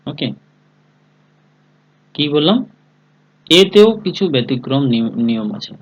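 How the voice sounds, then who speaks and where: The lo-fi recording captures a man whose fairly high voice has lively intonation and a measured pace. He's running a live online English class, spelling words one letter at a time, asking students if they follow, and addressing them by name.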